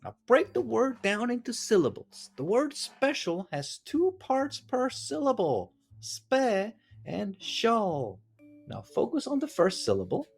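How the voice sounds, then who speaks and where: A gentle, high, sing-song tutor encourages a small child one syllable at a time, as a man puts the voice on. The tone is soft and praising, and the pitch rises and falls in a lively way. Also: slow, gravelly, soft background music, exaggerated voice. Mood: encouraging.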